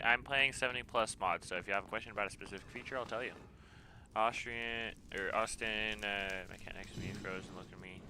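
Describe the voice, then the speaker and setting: A man in his twenties from the United States, casually streaming a game and answering chat messages in a relaxed way. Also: lowish voice, background noise. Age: 20s. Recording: game music playing behind the voice. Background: background music.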